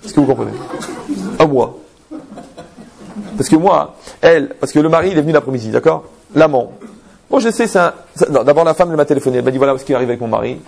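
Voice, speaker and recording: A man's voice: fairly high pitch, quick pace, gravelly, long pauses. A man giving an anecdotal religious talk as a rabbi, telling stories, asking rhetorical questions and checking "d'accord?" with his audience. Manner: lively storyteller, rhetorical questions, frequent "d'accord?".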